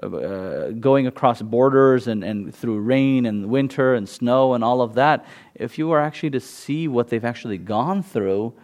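Speaking a little slowly, with a medium pitch and darkish tone, a man from the United States who serves as an imam gives a casual talk at a meditation center. He's conversational and loose, often using fillers and starting over.

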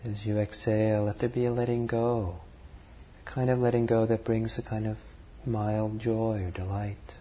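A man leading a guided meditation, calm and unhurried, speaking in short phrases with long pauses between them. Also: on the low side, a little hiss or hum. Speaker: meditation teacher.

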